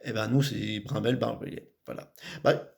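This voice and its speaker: A man's voice: lowish voice, fairly even intonation, moderate pace, creaky, a little mellow. A man from the Vosges with a Vosges French accent, chatting casually about local words, talking in loose repetitive bursts with many fillers. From Vosges, France.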